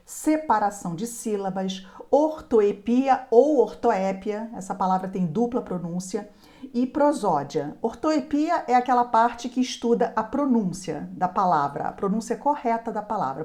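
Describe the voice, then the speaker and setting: A woman teacher walks viewers through a grammar lesson. She speaks clearly and deliberately. She slows right down to spell out each example word. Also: medium pitch, a little mellow. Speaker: Portuguese teacher.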